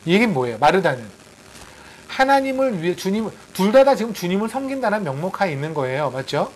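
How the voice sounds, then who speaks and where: A man preaching a sermon as a missionary, in a lively conversational way, acting out quotes and firing rhetorical questions. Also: high voice, quick pace, slight background noise, low-quality recording.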